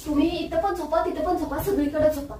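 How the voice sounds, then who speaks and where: A woman's voice: sits high, fairly even intonation, brisk, mellow, slight background noise. A woman hosting her own prank vlog, chatting casually to viewers and snapping sulkily at her husband in their bedroom at night. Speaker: prank video host. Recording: echoey room, mic set at a distance.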